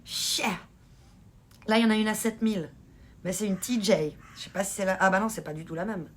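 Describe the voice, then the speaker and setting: A woman's voice: medium pitch, fairly quick. A woman hosting a casual live stream, chatting and laughing with her viewers as she reads the chat. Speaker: livestream host.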